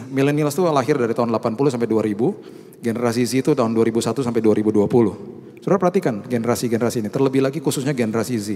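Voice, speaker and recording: A middle-aged male pastor, telling animated stories in a sermon and mixing in English phrases. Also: medium pitch, big-room sound.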